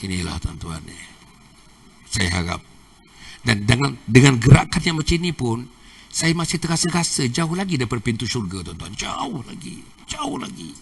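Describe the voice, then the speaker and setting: Animated older Malaysian Malay preacher. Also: male voice, medium pitch, moderate pace, creaky, pauses often, husky, distant mic. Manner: animated, repeats phrases, addresses audience as tuan-tuan. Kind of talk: mosque religious lecture. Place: mosque hall.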